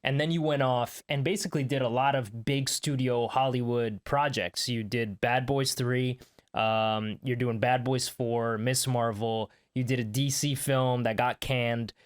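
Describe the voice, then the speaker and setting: A young adult man from Canada hosts a casual interview podcast. He speaks at a mid pitch in an easygoing, conversational way, stacking up long questions for his guests. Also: a little slow. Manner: relaxed, conversational, asks long winding questions. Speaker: podcast host.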